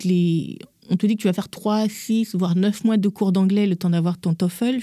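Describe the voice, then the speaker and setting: A woman's voice: lowish voice, no echo, studio quality. A young woman from Gabon, a podcast guest, telling her life story with candor and acting out the people she quotes. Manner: lively, acts out quoted voices. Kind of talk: candid personal storytelling.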